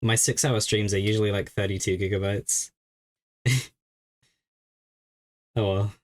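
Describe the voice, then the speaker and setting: A man's voice: fairly low pitch, fairly even intonation, measured pace. A young man streaming a game, chatting casually and thinking aloud as he works through a puzzle. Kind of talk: casual live-stream chat.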